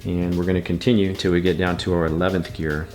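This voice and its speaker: Man, deep steady monotone, patient step-by-step repair lesson, faint music behind. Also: quick pace. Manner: patient, methodical, repeats steps. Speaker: bike repair instructor.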